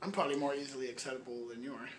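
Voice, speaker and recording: A man's voice: medium pitch, racing, low-quality recording. A man co-hosting a podcast, chatting casually with a friend in an easygoing way and swearing casually. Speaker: podcast co-host. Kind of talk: casual chat between friends.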